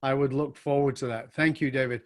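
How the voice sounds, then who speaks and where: A man's voice: medium pitch, steady tone, fairly quick. A man hosting an interview podcast, chatting emphatically and agreeing often with his guest. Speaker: podcast host. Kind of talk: casual interview chat.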